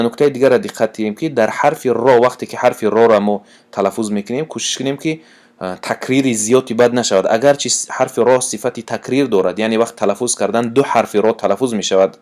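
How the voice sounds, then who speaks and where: A man with a Tajik accent teaching Quranic recitation rules, reciting verses in a slow drawn-out voice and then explaining them in quick, plain talk. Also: medium pitch, darkish tone. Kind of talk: tajwid lesson with recited examples.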